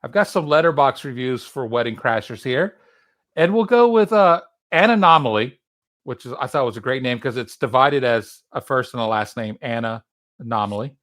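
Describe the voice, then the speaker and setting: A man's voice: medium pitch, lively intonation, moderate pace, fairly bright tone. A man hosting a casual movie podcast, wry, reading reviews aloud to his co-hosts. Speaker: podcast host. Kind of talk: casual chat.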